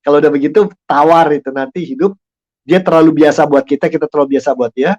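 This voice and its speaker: An older man speaking as a guest in a casual talk show, lively and laughing often as he acts out conversations. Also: fairly high pitch, fast talker. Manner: animated, acts out quoted dialogue, laughs often. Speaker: guest speaker, lecturer and author.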